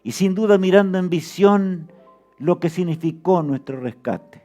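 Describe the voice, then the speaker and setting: A man delivering a fervent sermon in a slightly high voice. He keeps turning to his listeners with rhetorical questions. Soft music plays faintly behind him. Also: lively intonation, unhurried. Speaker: preacher.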